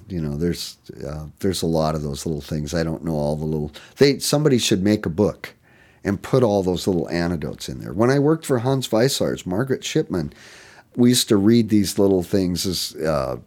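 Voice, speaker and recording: Older male luthier, deep voice, loose chuckling storyteller. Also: darkish tone. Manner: rambling, chuckling anecdotes. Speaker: violin and bow maker. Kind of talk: storytelling in an interview.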